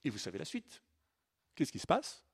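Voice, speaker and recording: A man's voice: on the high side, wildly swooping pitch, moderate pace, slightly rough. A male priest giving an informal Lenten teaching to a retreat audience, talking conversationally with many fillers and restarts. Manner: conversational, many fillers and restarts, reads scripture aloud more forcefully.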